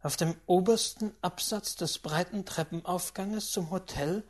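A woman reading a classic novel aloud in calm, measured scripted narration. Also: fairly low pitch. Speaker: audiobook narrator.

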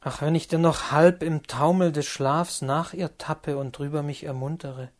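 A man's voice: a little high, moderate pace. Man reading a novel expressively. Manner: expressive, emotional first-person reading. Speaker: audiobook reader. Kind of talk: scripted literary narration.

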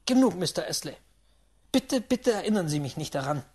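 A proud, hot-headed young gambler in an audiobook, as a reader puts him on. He talks loud and fast in heated bursts, with a breathy, husky edge. He sounds defiant and worked up. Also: medium pitch, expressive. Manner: raised, heated, rapid outbursts. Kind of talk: audiobook reading.

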